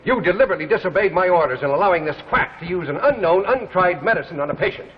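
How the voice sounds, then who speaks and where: An actor playing a stern, rigid senior hospital doctor in a 1950s TV drama, clipped and authoritative. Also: male voice, sits high, lively intonation, very fast. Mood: stern, accusing. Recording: muffled, noisy old TV soundtrack, reverberant.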